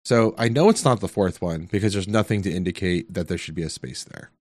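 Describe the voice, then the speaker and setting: A man answering coding quiz questions in a casual tech chat, thinking aloud with hesitant pauses and many ums. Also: deep voice, no room sound. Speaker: quiz contestant.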